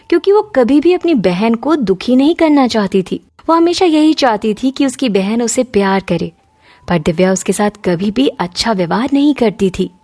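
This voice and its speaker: A woman narrating a moral cartoon story in an even storytelling manner. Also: on the high side.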